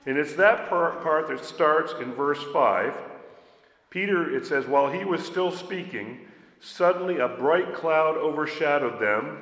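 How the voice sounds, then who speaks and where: A man's voice: medium pitch, a bit bright. Male pastor preaching in an echoing hall. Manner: conversational, asks the congregation questions. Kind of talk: sermon. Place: church sanctuary. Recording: roomy hall echo.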